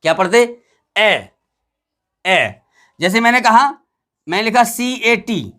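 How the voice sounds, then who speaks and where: A high-pitched man gives an English pronunciation lesson. He explains step by step, asks questions and answers them himself, and spells letters out slowly for his students. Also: fairly bright tone. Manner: addresses students as "beta". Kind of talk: classroom lesson.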